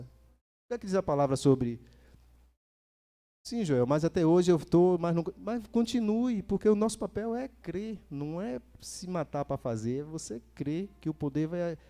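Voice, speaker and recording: A man from Brazil preaching a sermon in a church, lively, repeating phrases for emphasis and asking the congregation questions. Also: on the high side, normal speed.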